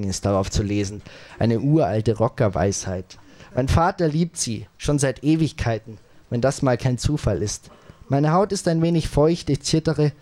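A man narrating a first-person audiobook in a calm, measured way, in short phrases with small pauses. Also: medium pitch.

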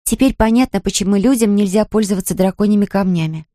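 A woman's voice: sits high, steady tone, brisk, darkish tone, no echo, clean studio sound, voice pushed up, lightly acted. Woman doing a thoughtful little girl. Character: thoughtful young girl, child.

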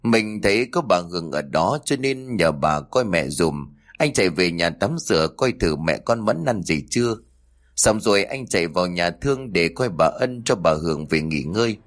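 A man narrating a story in a steady, matter-of-fact way. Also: low voice, moderate pace. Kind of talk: scripted narration.

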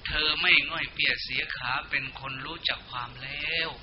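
A man with an Isan accent voicing the King of the Underworld as a gentle, stern judge, speaking slowly and softly in a dull, lo-fi recording. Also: a little high, steady tone, close to an everyday voice. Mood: questioning. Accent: northeastern Thai (Isan). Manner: slow, soft, consoling. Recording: dull lo-fi recording with faint hiss.

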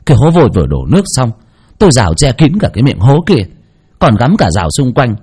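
A man's voice: mid-range voice, wildly swooping pitch, fast, a little mellow, slightly rough, voice pushed up. A man playing a grumpy old village landowner. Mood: indignant. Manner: indignant, protesting.

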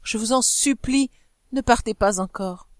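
A woman's voice: a little slow, dry recording, studio quality, lightly acted. A woman doing a young wife pleading earnestly. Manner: pleading, earnest, higher and animated.

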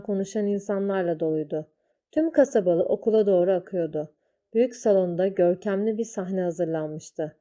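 A woman reading a children's story aloud, slow and deliberate. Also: mid-range voice, warm tone.

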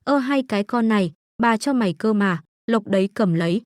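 A woman reading the part of an elderly grandmother who gently scolds her grandchild with affection. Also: mid-range voice, expressive, a little fast, dry recording, clean studio sound, natural voice. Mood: fond.

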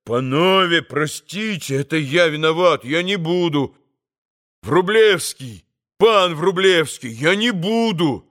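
A man voicing an excitable young drunken reveler, loud and impulsive, shouting toasts. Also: a little high, takes it slowly. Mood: apologetic.

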